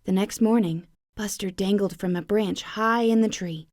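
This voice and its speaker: A woman reading a children's storybook aloud in a clear, even way, ending with questions for young listeners. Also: mid-range voice, normal speed, dry recording, clean studio sound. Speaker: storybook reader.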